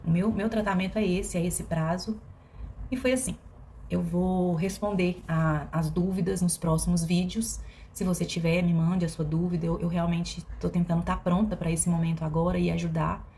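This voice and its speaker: Give me a woman with a low, warm voice, talking slowly and hesitantly in a personal vlog. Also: fairly even intonation, slight background noise. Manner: reflective and hesitant, with many fillers and restarts. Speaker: vlogger.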